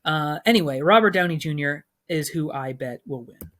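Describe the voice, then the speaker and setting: A film commentator goes through his picks for film awards in a relaxed, chatty vlog. He's opinionated and enthusiastic, his speech loose and full of ums and uhs, in a slightly high voice at normal speed.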